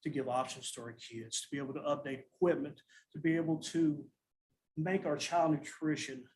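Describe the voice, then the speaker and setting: A man, a school nutrition director, presenting a financial report at a school board meeting in a steady, matter-of-fact way, often restarting his sentences. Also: fairly high pitch, moderate pace, low-quality recording.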